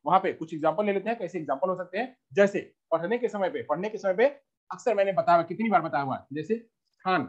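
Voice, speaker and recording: High-voiced man teaching step by step. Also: lively intonation, quick pace, lo-fi sound. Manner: repetitive, explains step by step with examples. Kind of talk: teacher-training lecture.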